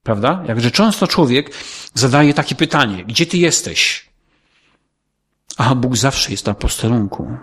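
A man's voice: medium pitch, expressive, a little slow, fairly bright tone, breathy edge. A man preaching a sermon in an earnest, pleading way, often repeating his words.

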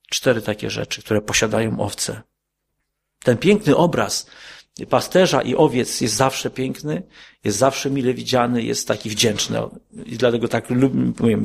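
A man preaches a sermon in a gravelly, husky voice. He keeps putting questions to his listeners and climbs sharply in pitch on his emphatic points. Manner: questioning, rises to emphatic high peaks.

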